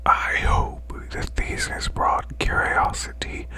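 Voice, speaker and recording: The clip features a performer as a male demon boss who tells bedtime stories ASMR-style. His hushed whisper is breathy and growling, delivered slowly and deliberately, and the atmosphere is eerie and quiet.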